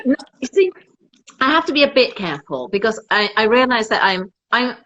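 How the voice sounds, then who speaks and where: A woman's voice: fairly high pitch, big pitch swings, a little fast, fairly bright tone, muffled recording. A woman, a perfumer chatting as an interview guest in a self-mocking, jokey way. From Britain. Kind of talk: casual interview chat.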